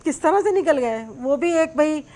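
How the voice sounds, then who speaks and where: High-voiced chatty woman telling a story. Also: lively intonation, moderate pace, dark tone. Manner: rambling, many "है ना" fillers. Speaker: cooking channel host. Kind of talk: chatty storytelling while cooking.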